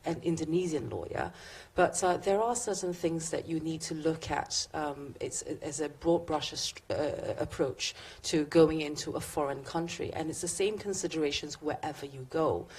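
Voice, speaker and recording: Low-voiced woman from Singapore. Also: a little mellow, slightly rough. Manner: measured with frequent fillers and restarts. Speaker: barrister speaking at a business event. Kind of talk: conference presentation.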